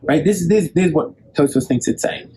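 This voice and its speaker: A man's voice: a little high, lively intonation, a little fast, crowd noise, low-quality recording. A young man giving a Torah lesson, reading Hebrew and Aramaic sources aloud and explaining them in English. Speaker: Torah teacher. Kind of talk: recorded Talmud lecture. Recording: clear background noise with passing vehicles.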